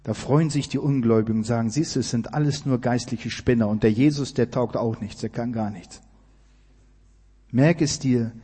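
A man preaching a sermon, emphatic and direct, asking his listeners questions and building to loud climaxes. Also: medium pitch, breathy edge, long reverb tail. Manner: emphatic, rising to near-shouting climaxes.

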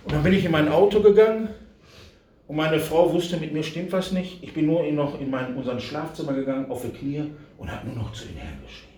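A middle-aged man preaching a personal testimony to a congregation, swinging from loud cries to hushed whispers and often speaking straight to his listeners. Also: a little high, brisk, echoey room, recorded from a distance. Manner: addresses the audience directly. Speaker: street preacher. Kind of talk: testimony sermon.

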